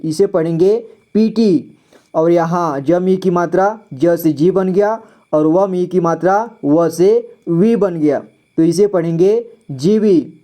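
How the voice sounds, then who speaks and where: Man, reading teacher, high voice, mellow, slow and repetitive, quizzes the listener. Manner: patient, repeats words, quizzes the viewer. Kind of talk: slow classroom-style reading lesson.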